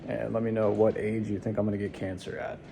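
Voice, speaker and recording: A man's voice: lowish voice, level tone, fast, creaky. A man talking casually to viewers in a rambling, laid-back, informal vlog style. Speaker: vlogger. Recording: some background noise.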